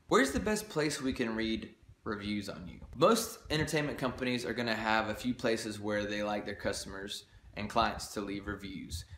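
A man giving wedding DJ advice in an upbeat, conversational way, with lively emphasis and casual asides. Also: mid-range voice. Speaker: DJ company presenter. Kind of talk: scripted advice video. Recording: echoey room with faint noise.

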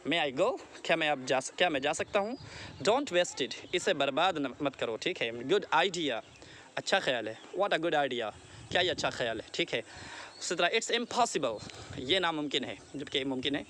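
A man teaching a lesson, slowly repeating each word twice as a drill. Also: a little high, big pitch swings, bright, forceful tone, slight background noise. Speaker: English teacher. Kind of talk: Hindi-English language lesson.

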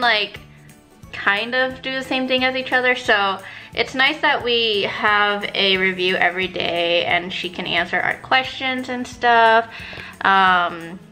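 A woman's voice: mid-range voice, pushed and bright. A woman in her twenties, a nursing student, chatting casually to camera in a vlog, full of "like" and "um". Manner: chatty, filler-heavy, uses "like" a lot.

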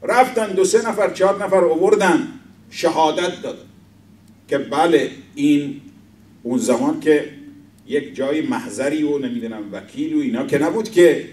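A man's voice: fairly high pitch, darkish tone, a little hiss or hum. A man giving a religious sermon, telling a story and quoting its figures with rising emphasis. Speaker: speaker at an Islamic center. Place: mosque hall. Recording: echoey hall, voice from far off.

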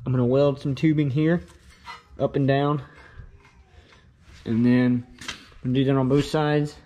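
A man's voice: mid-range voice, a little slow, lo-fi sound. A young man talking casually through his farm work, rambling as he goes. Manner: relaxed, rambling, talks while working. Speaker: farm vlogger. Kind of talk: casual first-person workshop vlog. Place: outdoors on a farm and in a workshop.

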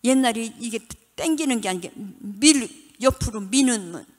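Older woman, church testimony, lively swooping pitch, long reverb of a church hall. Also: moderate pace. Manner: animated storytelling, dramatic retelling of childhood. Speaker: church deaconess giving testimony.

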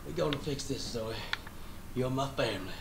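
An actor playing a gruff, fiercely protective Southern swamp man with a Southern Louisiana accent and a threatening drawl. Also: mid-range voice, normal speed, lightly acted, rough recording. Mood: tender. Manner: threatening drawl, calls others "boy".

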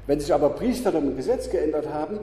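A man teaching on scripture, his voice very dark and mellow yet sitting fairly high for a man. He hammers his points home by repeating them and keeps checking in with quick tag questions. A roomy space with a long reverb trails after every phrase. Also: expressive. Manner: emphatic, repetitive, frequent tag questions. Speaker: Bible teacher. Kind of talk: teaching talk.

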